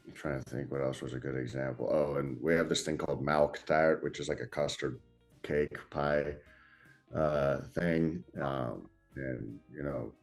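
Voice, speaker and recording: A South African man in his thirties, a native Afrikaans speaker with an American accent, chats informally and hesitantly as a guest in a casual interview. His very deep, creaky voice is a little slow with fairly even intonation, and soft background music plays.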